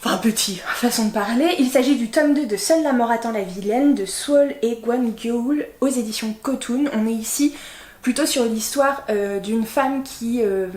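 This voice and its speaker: A woman's voice: fairly high pitch, a little mellow. Chatty young woman in an echoey room. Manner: chatty, rambling with many fillers and self-corrections. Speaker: book vlogger. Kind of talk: casual chat presenting a reading list.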